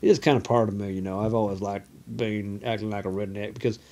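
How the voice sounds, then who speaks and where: A man's voice: lowish voice, steady tone, fast, darkish tone. A man from Oregon putting on a Southern US redneck drawl, rambling casually to a phone camera and leaning on "you know" constantly. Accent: put-on Southern US redneck drawl. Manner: folksy, leans on "you know" constantly, loose and meandering. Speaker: vlogger.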